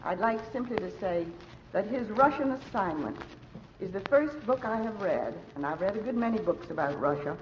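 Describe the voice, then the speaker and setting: A woman as mistress of ceremonies, giving a formal, measured speech introducing a speaker at a luncheon, heard on an old broadcast transcription disc. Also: medium pitch, darkish tone, a little hiss or hum. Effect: old broadcast transcription disc sound. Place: large hotel ballroom. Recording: dull lo-fi old transcription disc, echoey ballroom.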